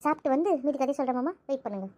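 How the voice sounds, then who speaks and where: A woman's voice: high voice, animated, very fast, warm tone. A woman playing a gossipy chatty young woman. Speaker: voice actor in audio drama. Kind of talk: amateur audio drama acting.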